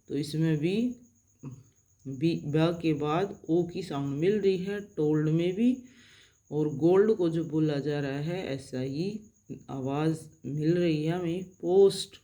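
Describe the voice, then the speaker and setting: A woman teacher giving a lesson on English vowel pronunciation, spelling out letters and sounding out each word deliberately. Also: low-pitched, warm tone.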